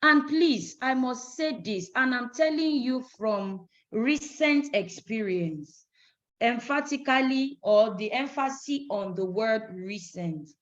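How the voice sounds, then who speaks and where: A woman with a Nigerian English accent lectures on prospecting with insistent, preachy emphasis, acting out calls to drive each point home. Her voice sits a little higher than most, and the recording sounds muffled and lo-fi. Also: animated, a little slow, hardly any pauses. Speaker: business trainer. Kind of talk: motivational sales training talk. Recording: dull lo-fi recording.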